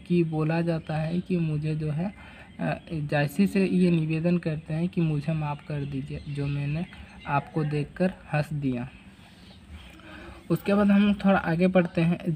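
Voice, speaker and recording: A man teaching a literature lesson, explaining slowly in a halting, repetitive way full of fillers. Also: a little high, mellow, slight background noise. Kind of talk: classroom lesson explaining a text.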